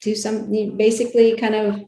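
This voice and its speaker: A woman's voice: medium pitch, little pitch movement, normal speed, mellow. A woman chatting casually as an interview guest, giggly and often saying "like" and "you know". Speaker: guest, wrestling ring announcer and reporter. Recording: roomy, echoey sound.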